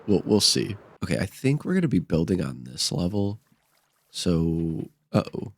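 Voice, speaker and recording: A man's voice: sits low, sing-song, measured pace, gravelly. A man giving casual gameplay commentary as host, his voice stuffy and nasal from a blocked-up nose with a cold. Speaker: gaming video host.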